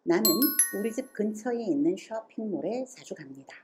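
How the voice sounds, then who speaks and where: A woman teaching an English grammar lesson online, asking the viewer questions and reading English examples slowly with a Korean accent. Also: medium pitch, lively intonation, background noise.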